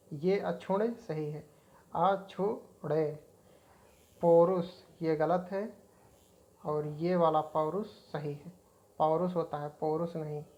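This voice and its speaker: A woman's voice: on the low side, darkish tone. A woman teaching an exam-prep spelling lesson, repeating each word as she points out right and wrong forms.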